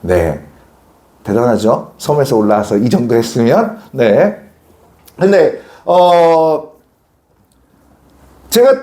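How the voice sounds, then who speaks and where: A man's voice: sits high, mellow. A middle-aged man who teaches social studies, telling a personal story in class and acting out the quoted voices in it. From South Gyeongsang, Korea.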